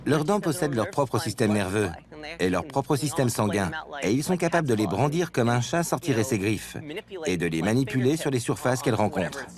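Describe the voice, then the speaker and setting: A man's voice: mid-range voice, expressive, brisk, music in the background. A man explaining as an expert interviewee in a documentary.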